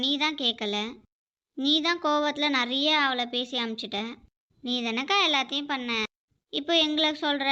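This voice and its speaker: A prying, wheedling neighbor woman from a cartoon, put on by a woman. She pitches her voice up high and keeps it bright and sharp. The sound is muffled and lo-fi. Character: nosy, prying middle-aged neighbor woman. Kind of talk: animated cartoon dialogue. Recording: dull lo-fi audio.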